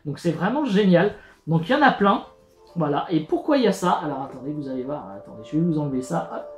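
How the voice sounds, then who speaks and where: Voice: mid-range voice, animated, quick pace. A YouTube host in a casual unboxing vlog, chatty and hesitant, with many fillers and restarts, narrating each step while handling the box. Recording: echoey room with faint music.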